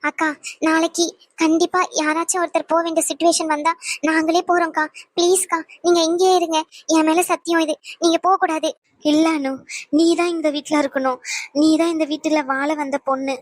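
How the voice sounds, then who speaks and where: A gentle young wife in a cartoon family drama, voiced by a woman, soft and pleading in a high, dry voice. She begs and comforts through tears. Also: little pitch movement, fairly quick, no echo. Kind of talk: animated cartoon voice acting.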